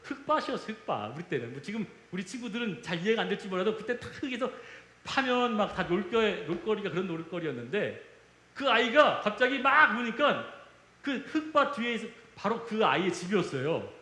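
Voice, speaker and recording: A man's voice: high-pitched, very animated, brisk, bright, forceful tone, roomy sound. A male pastor preaching a sermon, telling a childhood story and asking the congregation questions. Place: church sanctuary.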